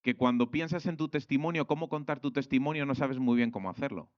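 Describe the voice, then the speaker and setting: A young man from Spain preaching a sermon, colloquial and animated, acting out quoted voices. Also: mid-range voice, fast, dry recording, muffled recording.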